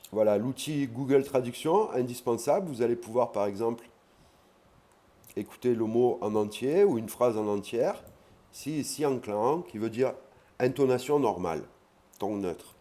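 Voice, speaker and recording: A man teaching an online language lesson, explaining patiently and repeating key words slowly. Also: medium pitch, animated, mellow.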